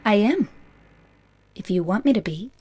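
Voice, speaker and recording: Slow-talking seductive Maria, mysterious game woman. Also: medium pitch, animated, warm tone, husky. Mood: seductive, intimate. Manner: slow, unnatural, stilted delivery with forced intimacy. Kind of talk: video game cutscene acting.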